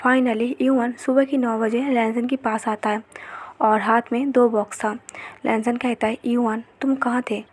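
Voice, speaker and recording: Higher-voiced woman narrating a story. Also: unhurried, slightly rough. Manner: even storytelling read-through. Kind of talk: narrated fan-fiction retelling.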